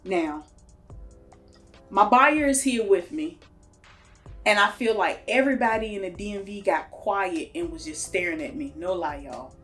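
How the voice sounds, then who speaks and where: A woman's voice: medium pitch, unhurried, long pauses, soft background music. A woman mobile home investor, telling a story straight to her viewers. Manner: animated, talks straight to viewers. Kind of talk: storytelling vlog.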